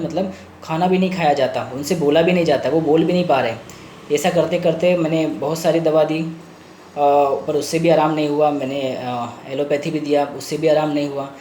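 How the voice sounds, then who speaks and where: A man's voice: on the high side, fairly even intonation, moderate pace, mellow. A male homeopathic doctor presenting a patient case in a casual talk, switching between Hindi and English and retelling a patient's words. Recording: roomy echo, faint background noise.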